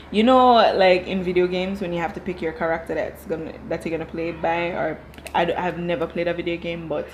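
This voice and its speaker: Casually reacting to a TV show, this young Dutch-raised woman with a Jamaican accent talks bluntly, swears plenty, and drifts into tangents. She speaks in a lowish voice over a little hiss or hum.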